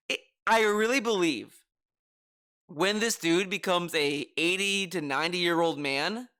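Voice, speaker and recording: A man's voice: high voice, pushed and bright. A man giving casual commentary as an exasperated, mocking, profane rant. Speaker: online commentator.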